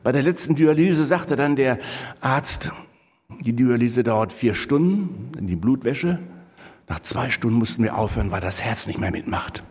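Older guy preaching, husky voice, long echo like a church hall. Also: mid-range voice, expressive, a little slow, darkish tone. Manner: storytelling, with quoted dialogue and many fillers. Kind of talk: sermon with a personal story.

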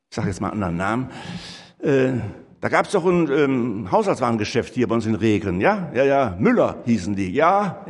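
A man's voice: on the high side, husky, long reverb tail. An older man preaching a sermon, telling a personal story full of quoted dialogue and fillers.

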